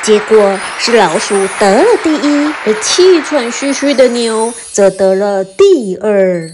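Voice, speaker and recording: A woman storyteller reading a children's bedtime story in a gentle, expressive voice. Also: fairly high pitch, slow pace, background noise.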